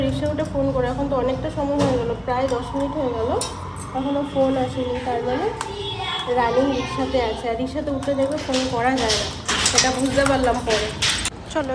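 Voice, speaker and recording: A high-voiced woman talks casually to her viewers in a home vlog, filmed on a phone with steady noise behind her. She chats freely and drops into fond baby talk with a little one. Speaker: vlogger.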